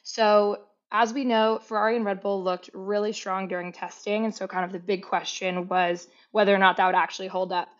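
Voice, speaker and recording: A woman's voice: medium pitch, level tone, fairly quick, few pauses. An upbeat woman co-hosting a chatty podcast, her voice sitting in an ordinary middle register. The sound is a little dull and lo-fi, as from a modest home mic. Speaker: podcast co-host. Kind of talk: casual chat.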